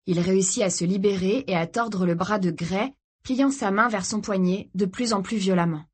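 Woman, audiobook narrator, scripted narration, steady dramatic reading, mid pitch. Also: normal speed, husky.

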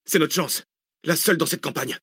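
A man's voice: on the low side, steady tone, racing, fairly bright tone, no room sound, studio quality, close to an everyday voice. Man doing a tense getaway driver. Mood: panicked. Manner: clipped, urgent exclamations. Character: tense young man driving a getaway car.

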